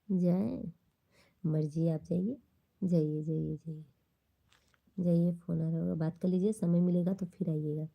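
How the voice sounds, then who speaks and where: A woman's voice: on the low side, creaky, lo-fi sound. A woman with an Awadhi-tinged Hindi accent, chatting casually on her livestream and bluntly scolding rude commenters. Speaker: livestream host. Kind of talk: casual livestream chat with viewers.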